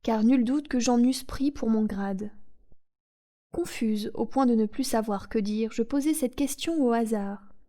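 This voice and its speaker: A woman reading a novel aloud in a calm, soothing audiobook narration. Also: a little high, a little slow. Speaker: audiobook reader.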